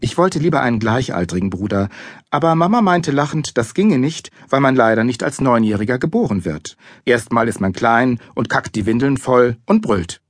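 A man narrating a children's audiobook in lively first-person storytelling. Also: mid-range voice, normal speed, no echo, clean studio sound. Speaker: audiobook reader.

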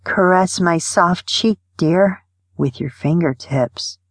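A woman reads love poetry aloud in a slow, lingering cadence, her voice sitting a little low. It has a soft, tender manner with gentle pauses, recorded close and dry with no room sound. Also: husky, dry recording. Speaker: audiobook narrator. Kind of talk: poetry reading.

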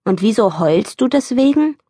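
A woman's voice: fairly high pitch, very animated, moderate pace, mellow, breathy edge, no room sound, studio quality, pitched above the performer's own voice, full character voice. A woman voicing a young boy who is defiant and upset, speaking in indignant outbursts in an audiobook. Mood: upset, pleading.

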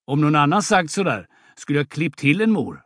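A swaggering young peasant, voiced by a man reading an audiobook drama, spins a breathless tall tale. His voice sits a little high, and the sound is dry and close to the mic. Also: big pitch swings, fairly bright tone, no room sound. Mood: defiant. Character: boastful young peasant braggart, swaggering storyteller.

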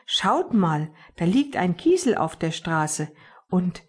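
A woman's voice: on the low side, very animated, takes it slowly, darkish tone, husky, exaggerated voice. A woman voicing a cheeky, daring young male sparrow who boasts and teases his friends, in a storybook reading. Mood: boastful. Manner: boastful, teasing.

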